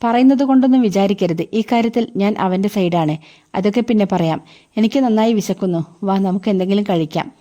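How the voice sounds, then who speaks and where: A woman's voice: mid-range voice, brisk, dark tone, muffled recording, natural voice. A woman reading the lines of an easygoing young man who teases his friend with breezy sarcasm. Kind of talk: audiobook character reading.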